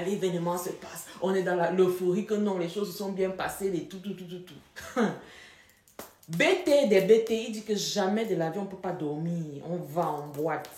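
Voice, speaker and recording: A young woman spins a personal story in a casual, animated way, laughing and leaning hard on dramatic moments. Her voice sits low for a woman. The recording carries a roomy echo. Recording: echoey room.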